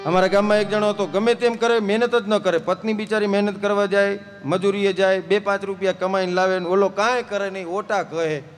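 A man's voice: sits high, fairly even intonation, fairly quick, hardly any pauses, soft background music. A man telling humorous folk stories on a live stage, chatty and anecdotal, slipping into folk song. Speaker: folk storyteller and singer. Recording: live stage with long reverb and faint instruments.

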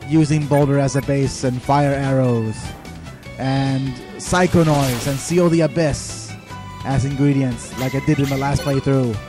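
Slow-talking man narrating a let's play. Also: mid-range voice. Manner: rambling, thinking aloud with many fillers.

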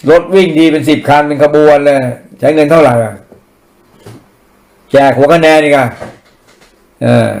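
A man giving blunt, profane political commentary in casual rant style, mocking and crude. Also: a little high.

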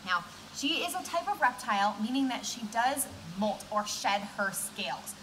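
Cheery, bright young woman zookeeper. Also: a little high, big pitch swings, normal speed, a little hiss or hum, rough recording. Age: 20s. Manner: cheery, friendly zookeeper explaining simply. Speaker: zookeeper presenting animal talks at a children's science center. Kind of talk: educational keeper talk to camera for children. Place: indoor room beside a reptile tank.

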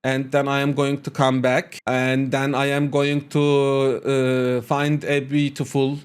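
A young Turkish man, as a man puts him on, speaking slow and stilted English in a thick, exaggerated Turkish accent. Each phrase comes out careful and plodding. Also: mid-range voice, completely flat delivery, smooth, voice pushed down, close to an everyday voice. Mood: earnest.

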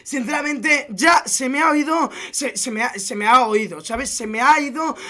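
A young man with a Spain Spanish accent, a gaming YouTuber, commentates gameplay excitedly in a very high voice at a moderate pace. He breaks into loud exclamations and swears.

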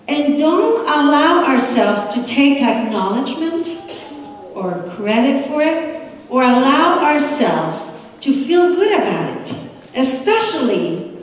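A middle-aged woman pastor with a Puerto Rican accent preaching a sermon, gesturing as she speaks at the pulpit. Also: high voice. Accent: Puerto Rican Spanish. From United States. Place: large church sanctuary. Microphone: room mic from a distance. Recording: echoey sanctuary from far off.

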